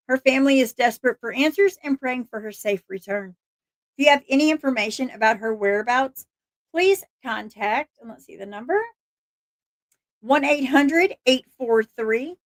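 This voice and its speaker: A woman with a somewhat high, slightly hoarse voice hosts a casual livestream where she reads missing persons flyers and chats with viewers. She laughs readily and stumbles, restarting words, and the sound is dry and close with no room echo.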